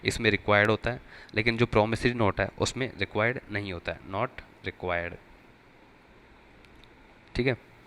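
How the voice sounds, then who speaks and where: A man's voice: on the low side, fairly even intonation, fast talker, fairly bright tone, a little hiss or hum. A man teaching an accounting lesson for exam preparation, explaining step by step and repeating key terms. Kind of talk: exam-prep lecture.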